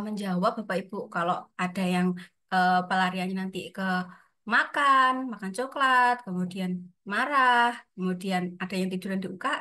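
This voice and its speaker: A woman's voice: medium pitch, bright, forceful tone. A woman leading an online training session in a chatty way, often addressing her audience and acting out inner voices.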